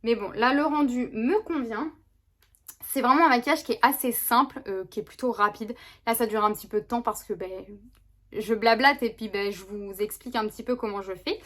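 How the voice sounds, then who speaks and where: A woman's voice: fairly high pitch, brisk, fairly bright tone. Chatty woman explaining a makeup look. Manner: chatty, rambling with many fillers and restarts. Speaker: beauty vlogger. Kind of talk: makeup tutorial chat. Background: neighbor's lawnmower.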